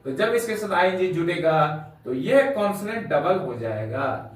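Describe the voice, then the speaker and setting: A man's voice: fairly high pitch, very animated, moderate pace. A man teaching English grammar, spelling words out letter by letter and calling his students dear children. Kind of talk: classroom lesson. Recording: very echoey room, mic far off.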